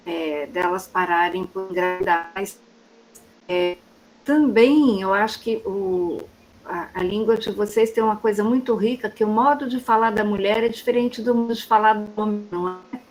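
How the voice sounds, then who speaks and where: A woman's voice: medium pitch, poor audio. A woman hosting a study group discussion, who clarifies points patiently and rephrases them. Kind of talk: casual discussion.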